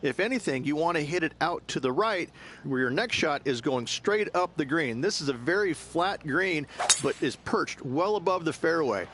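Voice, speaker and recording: A man's voice: on the high side, animated, moderate pace, a bit bright, slight background noise. A man working as a golf analyst, giving commentary that explains the course and the shots.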